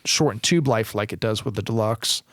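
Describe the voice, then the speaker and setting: A man's voice: fairly low pitch, normal speed, a bit bright, no room sound. A man who repairs guitar amplifiers, chatting as a podcast guest, explaining technical details with lots of fillers and restarts. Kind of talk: casual technical chat.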